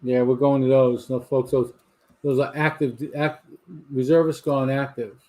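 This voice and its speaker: A man in his sixties with a Southern drawl hosts a casual live cigar show from his garage. His voice sits at a medium pitch. He tells long, meandering stories, stumbling and restarting as he goes. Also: level tone, normal speed, darkish tone. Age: 60s. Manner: rambling storyteller with frequent restarts. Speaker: host of a livestream cigar talk show. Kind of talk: casual chat to a live audience. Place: home garage.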